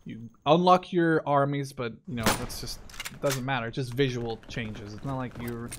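A man with a mid-range voice and moderate pace gives easygoing, meandering gameplay commentary as a YouTuber, often drifting off track. Heavy background noise comes from a shooter game's loud gunfire, artillery and explosions.

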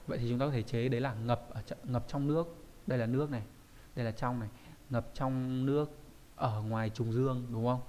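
A man's voice: medium pitch, darkish tone. Patient man explaining like a teacher. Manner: explains patiently, often checks with listeners. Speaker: Japanese kanji teacher. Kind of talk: explanatory online lesson.

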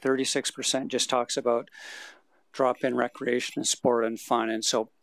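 A man with a gravelly voice explains survey results to a council at a steady, careful pace. He speaks into a desk microphone in a council chamber, and the sound is dry and close. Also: mid-range voice, no room sound. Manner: measured, explanatory, with fillers. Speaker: consultant presenting survey results. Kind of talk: formal answers to council questions.

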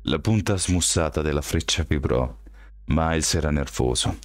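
A male audiobook reader with a strikingly deep, low voice. He narrates in a steady, even storytelling way. The recording is dry and close, with no room sound. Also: moderate pace, no echo.

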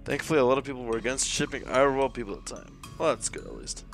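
A man's voice: medium pitch, rapid-fire, gravelly, soft background music. Rambling male game streamer. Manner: rambling, many fillers and restarts. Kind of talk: live game playthrough with chat.

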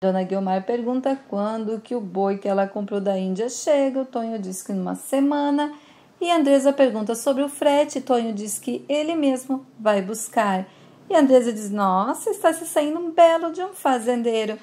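A woman walks through a soap opera episode in a relaxed, retelling tone. Her voice sits a little high. She links events plainly, one after another. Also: normal speed. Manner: plain, steady storytelling with simple linking phrases. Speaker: soap opera recap narrator. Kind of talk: casual plot retelling.

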